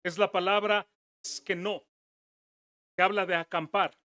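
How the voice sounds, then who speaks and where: Pastor guy preaching, kinda high voice, dry sound, goes quiet then gets loud and fired up. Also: fairly even intonation, a little slow, dry recording. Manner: earnest preaching, dropping soft then rising emphatic. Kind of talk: sermon. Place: church.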